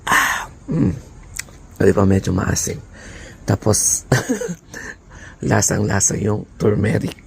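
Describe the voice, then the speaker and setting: A man vlogging casually with a hoarse, raspy voice, chatting and slipping in English words and breathy laughs. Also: fairly low pitch, flat delivery, slow, long pauses, a little mellow, slight background noise. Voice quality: raspy, croaky voice. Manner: chatty Taglish, mixing in English; laughs breathily between phrases. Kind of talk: casual vlog chat.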